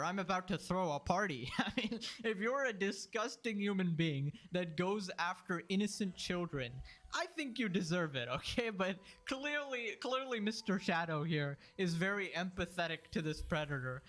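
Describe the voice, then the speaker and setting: A man's voice: sits high, normal speed, fairly bright tone. A man giving casual, slangy, opinionated commentary in a mocking, indignant manner. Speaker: streamer reacting to a video.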